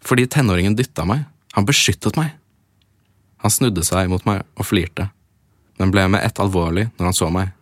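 On a podcast, a man with a deep voice reads fan fiction aloud in the first person, stopping now and then to crack jokes. The talk mixes casual chat with dramatic reading, recorded dry with clean studio sound.

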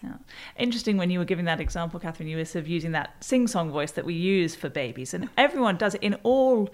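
A woman doctor co-hosting a podcast, speaking calmly and thoughtfully. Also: lowish voice, fast. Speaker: doctor, co-host. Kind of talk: podcast conversation.

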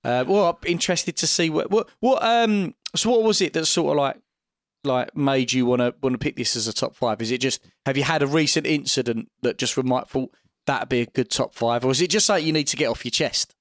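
A man's voice: medium pitch, brisk, no echo. Male podcast co-host, Essex accent, casual and hesitant, mid-range voice in a dry close recording. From Essex, England. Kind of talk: casual chat.

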